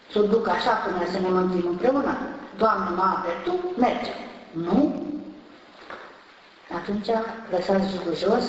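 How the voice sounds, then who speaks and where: Female nun, spiritual talk, slow and repetitive phrasing; distant, dull lo-fi sound with a long hall echo. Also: mid-range voice, slight background noise. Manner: unhurried, homely, repeats phrases for emphasis. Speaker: Orthodox nun giving spiritual counsel. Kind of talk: spoken spiritual talk on marriage.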